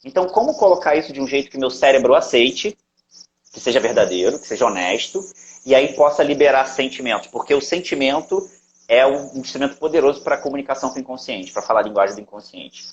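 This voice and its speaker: A man's voice: mid-range voice, fast talker, lo-fi sound. A Brazilian man, a guest coach, explaining in casual talk and acting out inner voices. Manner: animated, acts out inner voices. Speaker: interview guest, NLP coach.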